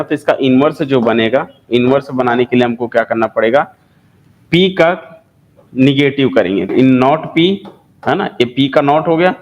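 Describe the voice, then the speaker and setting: A man's voice: medium pitch, muffled recording, slight background noise. A man with an Indian accent teaching a maths lesson, who repeats key terms and asks and answers his own questions. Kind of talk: classroom lecture.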